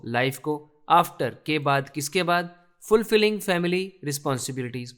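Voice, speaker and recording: Man, English teacher, smooth clear voice, fairly high pitch, slow phrase-by-phrase reading. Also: a bit bright. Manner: reads English phrases slowly then explains in Hindi. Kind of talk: explaining a newspaper text line by line.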